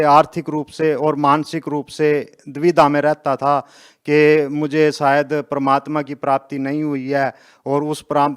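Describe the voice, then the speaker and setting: Earnest man in his fifties, smooth voice. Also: on the high side. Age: 50s. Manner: earnest, plain-spoken, polite. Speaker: interviewed devotee. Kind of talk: testimony interview.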